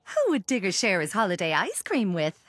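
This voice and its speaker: A woman voicing a caring, cheerful cartoon mother who talks to her children in a gentle, coaxing way. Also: mid-range voice, huge pitch swings, moderate pace, no echo, studio quality. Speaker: mother character. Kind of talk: animated preschool cartoon dub.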